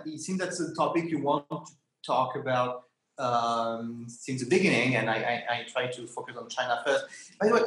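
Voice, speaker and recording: A man hosting a conversational interview, haltingly rephrasing as he goes. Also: fairly high pitch. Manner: halting, rephrases questions repeatedly. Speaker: interview host. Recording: echoey, roomy sound.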